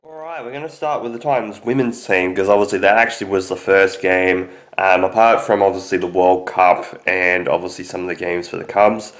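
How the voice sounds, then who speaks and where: A man's voice: low voice, steady tone, brisk, few pauses. A young man with a nasal, stuffy voice from a cold, hosting a rambling casual sports recap full of ums. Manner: rambling, heavy on fillers like um and obviously. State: sick with a cold, stuffy nose. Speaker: sports podcast host.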